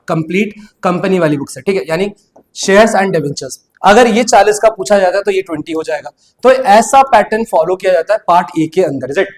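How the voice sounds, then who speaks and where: A man giving an exam-prep accountancy lecture, mixing English terms into his Hindi and calling his students "bachcha". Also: sits high. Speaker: accountancy teacher.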